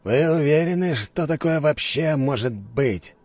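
A man's voice: a little high, animated, a little slow, darkish tone, no room sound, pitched above the performer's own voice. A man voicing a ruthless, scheming middle-aged duke in an audiobook, cold and commanding. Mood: doubtful. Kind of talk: audiobook character voice.

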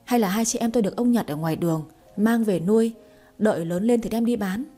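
A woman's voice: medium pitch, animated, mellow, husky, soft background music. A woman voicing a fierce, defiant young sister. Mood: defiant fury. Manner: fierce, accusing, rapid.

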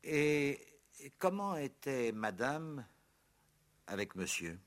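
A man's voice: mid-range voice, very animated, slow. An actor playing an impatient male police inspector in an old radio play, asking curt, probing questions.

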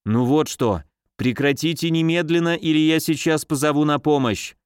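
A fussy, mincing nurse of middle age, easily frightened and quick to scold, as a male audiobook reader puts her on. Her voice rides high and turns shrill when she panics, set in a dry, close recording. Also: clean tone, no echo, natural voice.

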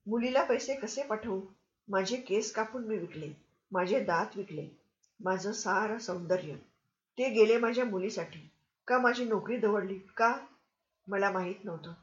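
A woman's voice: medium pitch, normal speed, lightly acted. A poor mother, feverish and desperate, pleads and reproaches in a storybook reading, as a woman puts her on. Her voice sits mid-range. The recording sounds roomy and a little dull. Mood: reproachful.

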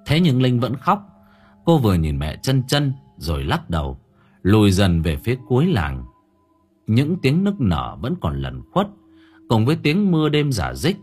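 Male audiobook narrator, husky and lively in pitch, dramatic horror reading over faint music. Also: a little slow. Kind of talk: scripted horror story narration.

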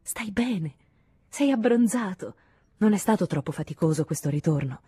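A woman's voice: medium pitch, animated, normal speed, warm tone, husky, dry recording, studio quality, voice pushed up. A woman voicing an anxious, clinging woman who talks to her lover in an earnest, pleading way in an audiobook reading.

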